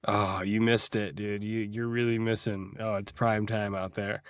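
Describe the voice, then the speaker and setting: A man's voice: on the low side, little pitch movement, unhurried, no echo, studio quality. A man co-hosting a sports podcast in casual chat, blunt and teasing. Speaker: podcast co-host.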